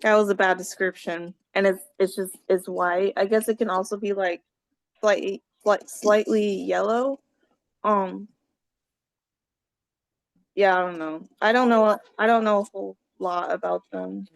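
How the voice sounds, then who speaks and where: A woman's voice: medium pitch, fairly even intonation, a little slow, vocal fry, no room sound. A woman co-hosting a casual online gathering, rambling and searching for words over a video call. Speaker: gathering co-host.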